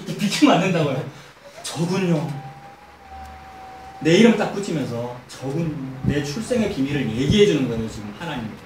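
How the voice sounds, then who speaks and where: A man preaching an expository sermon as a pastor, emphatic and animated, telling stories and asking the congregation rhetorical questions. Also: medium pitch, a little hiss or hum. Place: church sanctuary. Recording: echoey church hall, mic at a distance.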